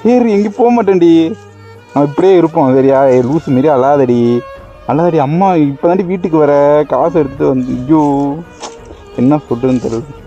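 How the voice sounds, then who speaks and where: A man's voice: a little high, expressive, normal speed, pauses often, mellow, highs cut off, faint music behind. A young man with a Tamil accent, chatting casually outdoors with his best friend, teasing her and then coaxing and apologising. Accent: Tamil Nadu. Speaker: vlogger pulling a prank on his best friend. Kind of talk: casual outdoor prank chat.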